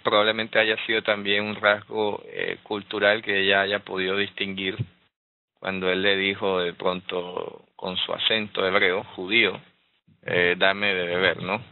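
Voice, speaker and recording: A man's voice: fairly low pitch, gravelly. Man teaching scripture over a tinny line. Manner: explanatory, frequent rhetorical "¿verdad?" and "eh" fillers. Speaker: Bible teacher. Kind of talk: Bible study teaching.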